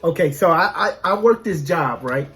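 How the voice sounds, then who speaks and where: Low-pitched woman chatting folksily. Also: animated, moderate pace, fairly bright tone. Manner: folksy, repeats phrases for emphasis. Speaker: co-host of a couple's mukbang vlog. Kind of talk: casual chat.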